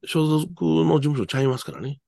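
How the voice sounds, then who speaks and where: A man's voice: on the high side, sing-song, a little fast, creaky, dark tone, no room sound, clean studio sound. A man with a Kansai accent talking casually as a co-host on a talk show. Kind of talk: casual chat.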